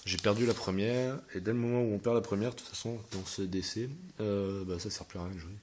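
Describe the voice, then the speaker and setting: A man with a very low voice chats casually to viewers about his card binder. He rambles and hesitates often, filling pauses as he goes, with a faint hiss behind him. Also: fairly even intonation, darkish tone. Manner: hesitant and rambling, many fillers.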